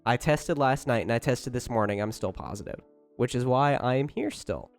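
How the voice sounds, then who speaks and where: Expressive and medium-pitched, this man's voice moves at a moderate pace as he rambles on to his livestream chat. He's chatty and informal, swears, and keeps talking while music plays behind him.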